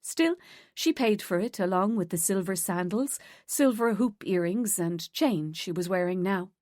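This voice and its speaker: Female narrator, measured audiobook delivery, dry booth sound. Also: mid-range voice, no echo. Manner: steady, measured storytelling. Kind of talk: scripted narration.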